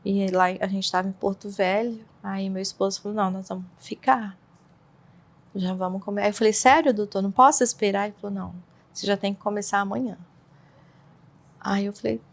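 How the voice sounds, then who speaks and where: A woman telling her personal story in an interview, speaking haltingly with frequent restarts and fillers. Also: mid-range voice. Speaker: interview guest. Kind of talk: personal testimony in conversation.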